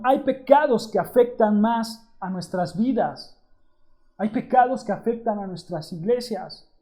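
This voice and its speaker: A man preaching a sermon as pastor, reading scripture aloud and calling his listeners brothers in a measured, emphatic way. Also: high-pitched, warm tone.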